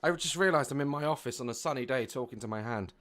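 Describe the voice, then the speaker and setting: A man's voice: mid-range voice, fast talker, fairly bright tone. A man hosting a casual reaction video from his home office, joking and laughing often. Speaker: YouTube reaction host.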